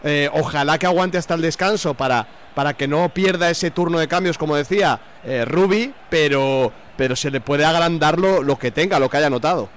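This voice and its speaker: A man's voice: on the high side, moderate pace. A man giving conversational football analysis, hesitant and repeating his phrases. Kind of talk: conversational live commentary.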